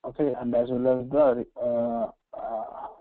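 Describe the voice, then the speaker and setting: Medium-pitched and fairly even in intonation, an Indian-accented man explains software step by step in a screen-share tutorial. His pace is halting and he repeats himself, regularly checking in with "right" and "okay," in slightly dull, echoey lo-fi audio.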